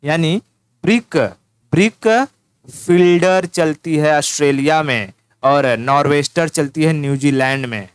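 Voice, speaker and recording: A man's voice: fairly high pitch, a little slow, clear, resonant tone, no room sound. A man teaching an informal exam-prep lesson, teasing the listener and repeating key words as he writes them down. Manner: teasing, repetitive, addresses listener as "tu".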